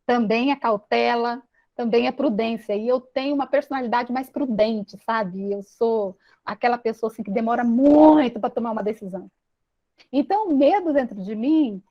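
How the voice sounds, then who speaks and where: A Brazilian woman giving a personal, earnest teaching talk to an audience, opening up about her own fears with restarts and soft pauses. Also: high-pitched, highs cut off. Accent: Brazilian Portuguese. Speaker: speaker of a self-help talk.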